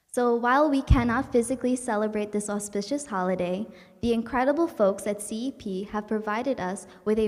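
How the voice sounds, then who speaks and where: A woman's voice: medium pitch, in a large hall. A young woman from New York hosting a virtual community event, speaking in an earnest, upbeat and welcoming way. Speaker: event host. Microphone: livestream setup.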